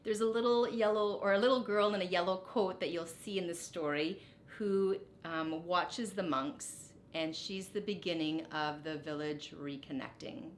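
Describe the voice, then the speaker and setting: A middle-aged woman reads a storybook aloud in a teacherly way, deliberate and expressive, pausing for brief explanatory asides. The recording has a roomy echo and faint rumbling in the background.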